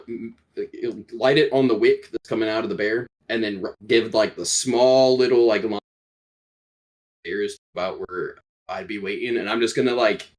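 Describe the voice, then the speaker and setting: Male player, low voice, relaxed and hesitant delivery. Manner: relaxed, hesitant, many fillers. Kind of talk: casual chat during a tabletop game.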